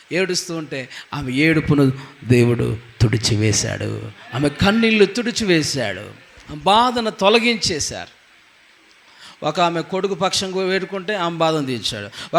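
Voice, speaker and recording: A man's voice: sits high, fairly bright tone. A man preaching a sermon as pastor, who asks the congregation questions, answers them himself and keeps adding hallelujah and amen. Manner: punctuates lines with hallelujah and amen.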